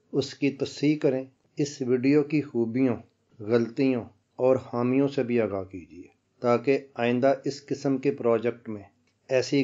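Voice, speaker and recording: A man with a dark, mellow voice reads a scripted documentary narration as host of his own channel. His diction is formal and literary, his delivery measured and reflective. The recording sounds dull and slightly lo-fi. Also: medium pitch.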